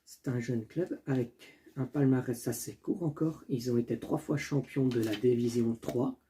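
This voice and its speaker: A young man hosts a casual solo football video, thinking out loud as he goes; he restarts and corrects himself often, stumbling over names and apologizing. His medium-pitched voice is warm and moves at a moderate pace.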